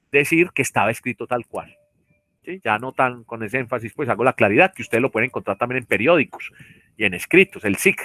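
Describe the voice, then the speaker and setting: Speaking through a computer mic on a video call, a university lecturer walks his virtual class through the material step by step, filling his talk with fillers and tag questions. His voice is mid-range and slightly bright, with no echo.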